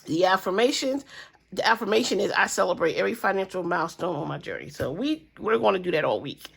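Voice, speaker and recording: Speaking fast with vocal fry and a breathy edge, this budgeting vlogger has a lowish, expressive, slightly bright voice. She has a stuffy nose and rambles casually to camera with fillers, calling viewers guys and y'all.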